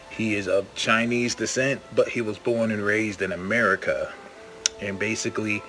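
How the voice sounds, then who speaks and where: A man, a comic book writer, casually pitching his book to camera in an easygoing, enthusiastic way, with plenty of fillers. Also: sharp tone. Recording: music playing underneath.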